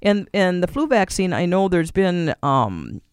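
A man's voice: high voice, very animated, unhurried, smooth, no room sound, clean studio sound. A man hosting a local radio interview, chatty and agreeable, checking details with his guest. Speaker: radio show host.

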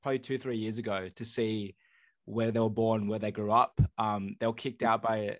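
A man's voice: on the low side, flat delivery, moderate pace. A man co-hosting a podcast, chatting in a friendly way with some fillers as he welcomes and questions a guest. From Australia. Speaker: podcast co-host. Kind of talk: casual interview chat.

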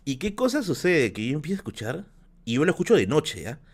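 A man's voice: on the high side, very animated, fast, breathy edge. A man, a streamer telling stories in casual chat, rambling with many restarts while sick with a bad flu. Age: 30s. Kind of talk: casual storytelling on a live stream.

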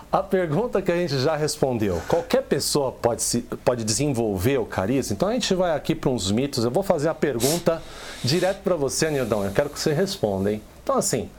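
Apresentador brincalhão de entonação viva. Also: male voice, on the high side, very animated, brisk, darkish tone, slight background noise. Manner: jokey, leads with questions, frequent "né?". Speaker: podcast host. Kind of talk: casual chat.

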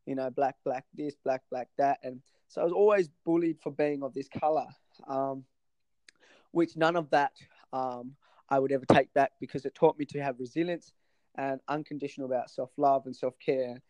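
A man in his thirties, guesting on a podcast, talks about himself in a relaxed, stop-and-start way full of ums and repeated words. His voice sits in an ordinary middle pitch, and the recording is close and dry with no room around it. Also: no room sound, rough recording. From Sri Lanka. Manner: halting, many fillers and restarts. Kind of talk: casual interview chat.

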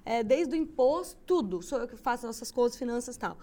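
Uma mulher numa conversa casual sobre a vida de mãe, falando de modo tranquilo e descontraído. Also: female voice, a little high, brisk. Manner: relaxed, easygoing. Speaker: guest mother. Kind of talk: casual chat.

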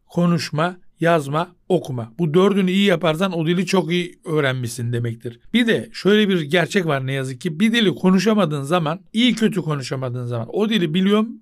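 A man's voice: fairly high pitch, lively intonation, brisk, hardly any pauses, no echo, studio quality. A man hosting a podcast on his own, giving casual advice. He asks himself questions, answers them, and repeats his key points. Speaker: podcast host and translator.

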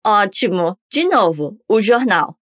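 An upbeat woman leads a pronunciation podcast lesson and prompts the listener to repeat after her. Her voice sits in a middle pitch. The recording is close and dry. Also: animated, a little slow, fairly bright tone, no echo. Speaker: language teacher.

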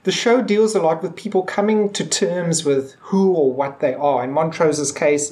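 A woman with a deep, darkish voice co-hosts a podcast, casually discussing a TV episode. She feels her way through her thoughts in hesitant, meandering phrases.

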